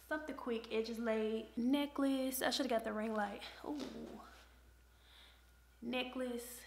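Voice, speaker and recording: A young woman, from Memphis, chatting excitedly to camera while getting ready at home. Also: on the high side, vocal fry, echoey room, slight background noise. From Memphis, USA. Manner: chatty, excitable, lots of "like" and "y'all". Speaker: lifestyle vlogger. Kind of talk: casual chat to camera. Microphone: camera or phone camera.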